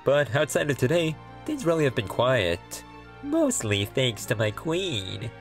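A man's voice: medium pitch, big pitch swings, measured pace, soft background music. A man voicing an easygoing adult hedgehog king, casual and reassuring, in a comic dub. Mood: fond. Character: easygoing hedgehog king, adult male hero, fond husband.

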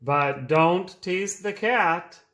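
A man reading as a calm, firm boat owner. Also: high voice, reverberant, full character voice. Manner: slow, measured, setting gentle rules.

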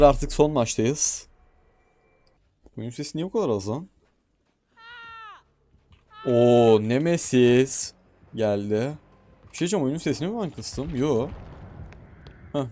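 A man commentating his own gameplay in a casual, excitable way, often shouting and talking to himself. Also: medium pitch, slight background noise. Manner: excitable, shouts and talks to himself while playing. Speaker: gaming streamer.

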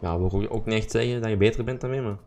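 A man's voice: on the low side, racing, a little mellow, slight background noise. A man hosting a live gameplay stream, chatting casually, greeting viewers and humming while he plays. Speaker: livestream gamer host.

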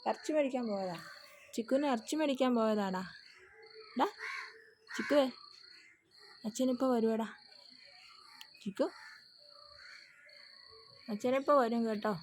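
A woman's voice: high-pitched, darkish tone, slight background noise. A woman soothing and coaxing her crying pet dog in a home vlog. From Kerala, India. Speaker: pet vlogger.

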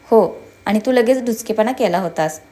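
A woman voicing a lively young bride who scolds and teases her husband in a told story. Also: on the high side, normal speed, lightly acted. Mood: playful. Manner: playful scolding.

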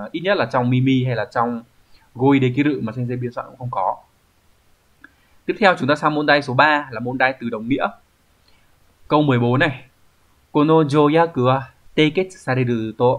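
A man's voice: medium pitch, a bit bright, lo-fi sound. A man teaching, walking through exam answers one by one and often checking with the listener, "right?". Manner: explanatory, asks rhetorical checks like "right?". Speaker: Japanese language teacher.

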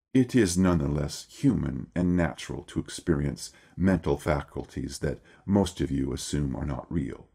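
An electronically disguised Lucifer speaks in an extremely deep, dark, gravelly rumble. He lectures formally and deliberately, with dry irony and a lofty air. The filter gives the voice a husky, dark, unnatural edge. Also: exaggerated voice. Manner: formal, measured, wry and lecturing. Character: Lucifer, a male devil figure, lofty and lecturing. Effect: electronically altered deep voice. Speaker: video producer. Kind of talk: scripted monologue.

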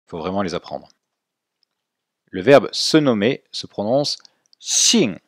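A man with a fairly low voice leads a spoken language lesson, his pitch swinging widely as he explains. He slows down sharply to model words for the listener to repeat. The recording is dry and close. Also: lively intonation, dry recording. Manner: clear didactic explaining, slow drawn-out model pronunciations for repetition. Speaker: Chinese language teacher.

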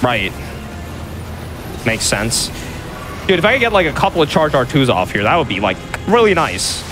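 A man's voice: medium pitch, sing-song, normal speed. A man playing a game live, commenting casually with joking, self-deprecating exaggeration. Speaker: gamer, speedrunner playing live. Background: game music and sound effects.

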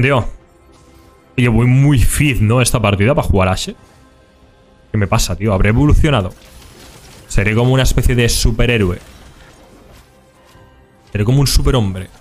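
A young Spanish-accented man streams his gameplay, chatting loosely and full of slang with his viewers. His voice sits at an ordinary middle pitch. Soft music plays faintly underneath. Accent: Spain Spanish. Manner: casual and slangy, talks to chat. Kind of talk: live gameplay commentary.

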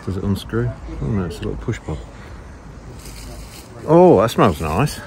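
A man's voice: lowish voice, big pitch swings, moderate pace, creaky. A middle-aged man, chatting and joking while magnet fishing by the water with his son. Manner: jokey, chatty, laughs often. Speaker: magnet fishing vlogger, father. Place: outdoors by water. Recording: loud outdoor background noise.

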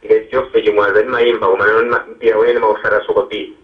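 A man's voice: fairly low pitch, flat delivery, racing. A man calling in to a show, chatting casually over a phone line. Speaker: phone-in caller. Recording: dull, narrow phone line.

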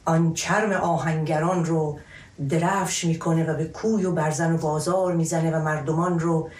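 A middle-aged woman explaining an epic tale to camera as a storyteller, formal, deliberate and emphatic. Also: sits low, steady tone, a little mellow. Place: small wood-panelled room at home, indoors. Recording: echoey room.

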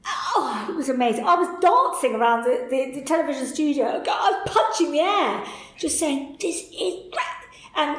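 Middle-aged woman chatting in a podcast interview, excited storyteller, laughs a lot, kinda echoey room. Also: mid-range voice. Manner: animated, enthusiastic, with laughs and restarts. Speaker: interview guest. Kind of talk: candid conversational storytelling. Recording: roomy echo.

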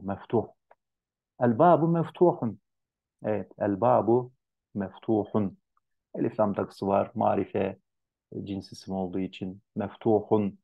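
A man teaching an Arabic translation class online, animated and lively, acting out students' complaints in a raised voice. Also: on the low side, gravelly, phone-quality sound. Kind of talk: online lecture.

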